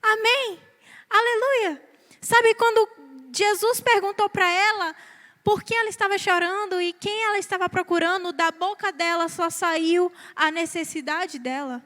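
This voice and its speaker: Brazilian woman preacher, very high voice, earnest sermon, long hall reverb. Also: fairly even intonation, unhurried, fairly bright tone. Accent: Brazilian Portuguese. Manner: earnest, repeats "sabe, queridos" to the congregation.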